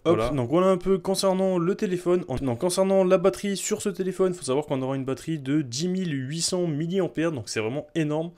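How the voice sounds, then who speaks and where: A man reviewing a phone in a relaxed, chatty way, often repeating words. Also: a little high, quick pace, hardly any pauses. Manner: chatty, repeats "très, très" and "hop". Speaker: tech reviewer. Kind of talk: product review vlog.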